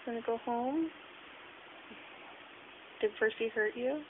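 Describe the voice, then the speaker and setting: A woman with a fairly high voice speaks slowly and playfully while casually questioning a sleep talker, asking short prompting questions and echoing the answers back. The home recording is noisy, hissy and tinny, like a phone.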